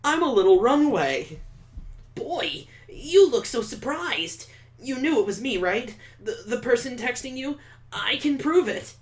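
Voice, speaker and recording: A man voicing a clingy, lovestruck young man who talks with exaggerated, breathy sweetness. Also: extremely high pitch, sing-song, measured pace, pitched above the performer's own voice, heavily acted. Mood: gushing.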